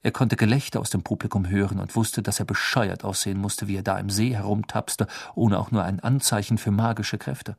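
Husky man narrating an audiobook. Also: lowish voice, brisk, hardly any pauses, no echo, clean studio sound. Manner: lively storytelling with voiced quotes.

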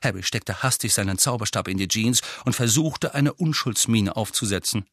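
A man narrating an audiobook in an expressive, dramatic storytelling manner. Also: lowish voice, normal speed, no room sound, studio quality.

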